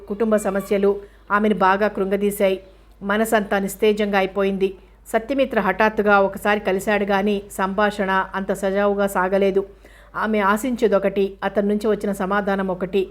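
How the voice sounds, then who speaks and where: A woman narrating a novel aloud in a steady storytelling manner, reading both the narration and the characters' dialogue. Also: mid-range voice.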